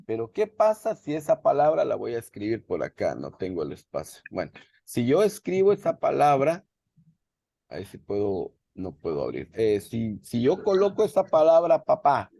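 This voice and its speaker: A man's voice: medium pitch, wildly swooping pitch, normal speed, gravelly, dark tone, dry recording. A man teaching a language class over a video call, patiently repeating words so his students can follow. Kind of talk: virtual class explanation.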